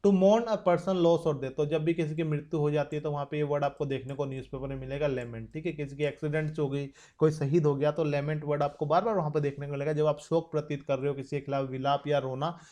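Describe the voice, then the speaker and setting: A young man with an Indian accent teaching an exam-prep vocabulary lesson, explaining in Hindi and reading English example sentences slowly and carefully. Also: on the high side, steady tone, mellow.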